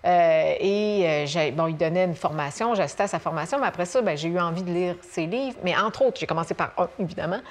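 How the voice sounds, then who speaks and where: A woman speaking with a Québécois accent tells personal stories as a talk show guest. She rambles warmly through fillers and false starts, eager and animated. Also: on the low side, brisk, few pauses. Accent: Québécois French. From Quebec. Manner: animated storyteller, many fillers and restarts. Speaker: guest author. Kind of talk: casual conversation on a talk show.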